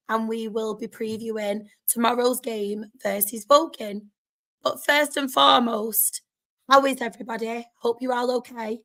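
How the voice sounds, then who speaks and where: A woman's voice: a little high, fairly bright tone. A woman with a sore, strained throat, chatting casually to viewers as host of a football fan livestream.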